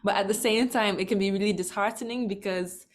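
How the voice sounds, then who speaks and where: A lively woman talks with a middle-pitched voice that leaps up and down as she laughs through her story. She was born in Thailand and speaks as a guest on a video call. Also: a little fast. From born in Thailand, raised in several countries. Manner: animated, laughing, big swings in pitch. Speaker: guest, language educator. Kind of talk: casual conversation.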